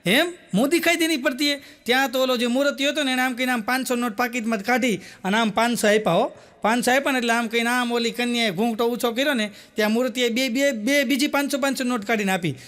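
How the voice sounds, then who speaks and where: High-voiced man telling jokes. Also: fairly even intonation, fast, fairly bright tone. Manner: storytelling, laughs at his own punchlines. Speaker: comedian. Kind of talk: stand-up joke telling.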